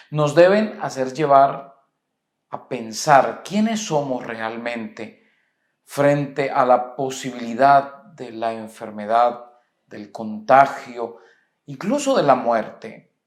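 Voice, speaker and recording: Un pastor colombiano predica un sermón con acento colombiano, con calma, haciendo preguntas retóricas y leyendo las Escrituras en voz alta. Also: male voice, mid-range voice. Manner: measured preaching with rhetorical questions, reads scripture aloud. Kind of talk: sermon. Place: church. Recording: echoey church hall.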